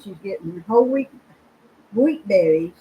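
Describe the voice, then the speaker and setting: Southern woman, relaxed drawn-out chat at a quilting day, soft background hum. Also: medium pitch, muffled recording. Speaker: guest quilter. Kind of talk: casual chat.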